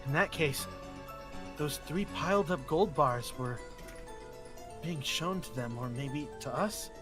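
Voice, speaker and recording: A man's voice: a little high, slow, over music. A man voicing an earnest young man reasoning through a mystery in an amateur visual novel read.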